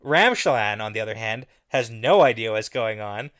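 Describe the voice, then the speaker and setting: A man co-hosting a casual book podcast, easygoing and full of quick agreement. His voice moves lively up and down. The sound is close and dry. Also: lowish voice, no room sound. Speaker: podcast co-host.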